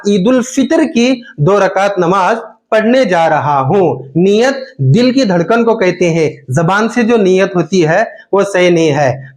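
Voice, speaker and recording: A man, patiently explaining step by step how to perform a prayer. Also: high-pitched. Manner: slow, patient explaining with drawn-out takbirs. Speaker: religious teacher.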